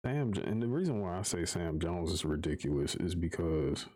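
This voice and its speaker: A man's voice: deep voice, normal speed, darkish tone. A man streaming live, ranting casually with profanity and exasperated repetition. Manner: profane, exasperated, repeats himself while arguing.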